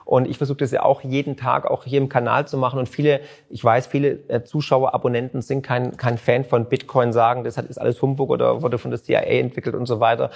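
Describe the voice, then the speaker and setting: Guy hosting his channel, mid-pitch voice, upbeat, pushing viewers to try stuff. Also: flat delivery, fast, gravelly, few pauses, a little mellow. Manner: upbeat, persuasive. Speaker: channel host, interviewer. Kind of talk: casual interview, appeals to viewers.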